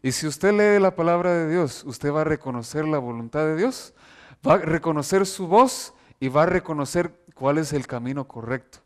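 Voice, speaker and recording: A man preaching an earnest sermon, reading scripture aloud from slides and slowing down to stress key verses. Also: fairly high pitch, animated.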